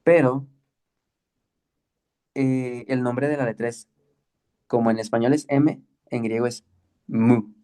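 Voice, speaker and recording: A man teaching the Greek alphabet in an online class, patient and slow, often checking with "¿ok?". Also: medium pitch, steady tone, warm tone, clean tone. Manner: patient, explains slowly with many checks like "¿ok?" and "¿sí?".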